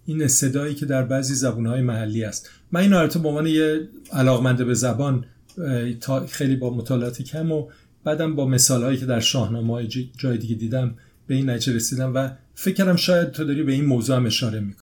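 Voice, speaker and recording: A man's voice: medium pitch, darkish tone. Man, host, conversational, moves the discussion along. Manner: conversational, leads the talk on.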